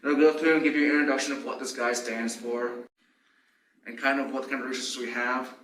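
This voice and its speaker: A man's voice: mid-range voice, little pitch movement, a little fast, fairly bright tone. A young man giving an informal instructional presentation as a library fellow, his voice muffled by a face mask. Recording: roomy, distant mic, faint noise, mask-muffled.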